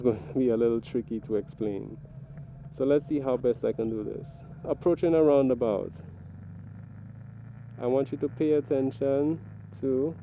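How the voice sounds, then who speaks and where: A man giving a casual, step-by-step video commentary, explaining things deliberately and pausing mid-sentence. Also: mid-range voice, dark tone, slight background noise, rough recording. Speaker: motovlogger reviewing own ride footage.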